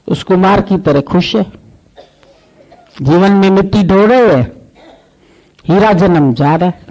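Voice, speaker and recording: A man giving a satsang sermon, telling a parable in a measured way and listing things one by one. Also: sits high, a little mellow, rough recording. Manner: measured, repetitive, lists in a slow rhythm. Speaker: spiritual preacher.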